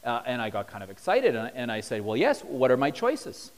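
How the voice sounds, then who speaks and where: A man's voice: medium pitch, wildly swooping pitch, brisk. A man preaching a sermon as pastor, telling stories with humor and acting out the voices in his quotes. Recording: long hall reverb.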